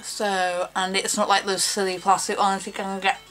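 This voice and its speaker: A woman with a slight lisp giving a casual, rambling how-to talk, unhurried and full of fillers. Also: medium pitch, level tone, fairly bright tone, faint music behind. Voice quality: slight lisp from wearing false teeth. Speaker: cosplay tutorial maker.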